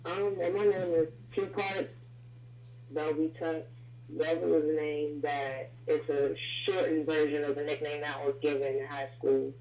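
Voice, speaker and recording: A woman's voice: low voice, level tone, measured pace. A woman calling in as a guest rapper, heard over a phone line with echo and feedback, talking in a loose, chatty way with lots of fillers. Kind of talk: casual call-in interview. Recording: echoey, dull phone line.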